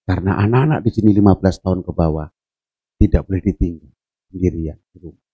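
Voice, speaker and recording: A man preaching a sermon at a church service, telling stories with jokes and swinging from low murmurs to shouted preaching. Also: fast talker, slightly rough, muffled recording. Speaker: pastor.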